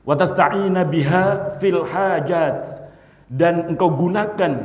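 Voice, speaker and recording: A man's voice: a little high, darkish tone. A man gives a sermon. He reads Arabic text, explains it, and turns to his listeners teasing asides. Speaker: preacher. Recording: echoey hall with long reverb.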